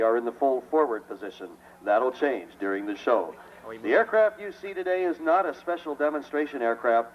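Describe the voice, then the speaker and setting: Speaking over music at an airshow, this American man gives measured, technical commentary in a slightly high voice. The outdoor audio is dull, with a little hiss or hum.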